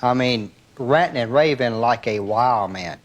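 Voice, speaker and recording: A man's voice: mid-range voice, unhurried, dull audio. An older man with a Southern American accent, reminiscing in an interview with rambling, repetitive storytelling. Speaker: interviewee, longtime confidant.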